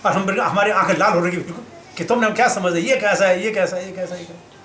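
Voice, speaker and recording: A man's voice: high voice, racing. A man recounts a personal story with relish, chuckling through it and slipping into the voices of the people in it. He mixes English phrases into his talk. The recording is roomy and echoing, with constant background noise underneath. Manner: animated, laughing, acts out dialogue. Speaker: speaker at a scripture class. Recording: echoey room with background noise.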